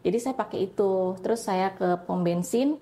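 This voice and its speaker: A woman's voice: mid-range voice, moderate pace, mellow. A young adult woman chatting casually while telling her personal story, filling her talk with small tags. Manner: chatty, many fillers like "gitu". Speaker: convert sharing her story.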